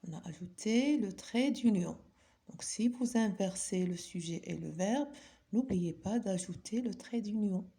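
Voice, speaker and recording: A woman's voice: medium pitch, unhurried, dark tone. A woman teaching a grammar lesson, patiently asking her pupils questions and then answering them herself. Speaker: French teacher.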